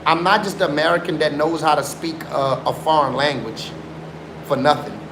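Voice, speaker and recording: On the high side, with fairly even intonation at normal speed, a roughly forty-year-old livestreamer who grew up in South Africa swears oaths to back his story, pressing his viewers insistently and mixing in Afrikaans. The recording is roomy, with background noise.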